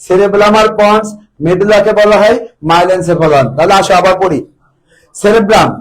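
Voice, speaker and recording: A man's voice: high-pitched, low-quality recording. A man tutoring biology for exam preparation, repeating each term and quizzing his students on it. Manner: drills terms by repeating them and quizzing students. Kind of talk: exam-prep lecture.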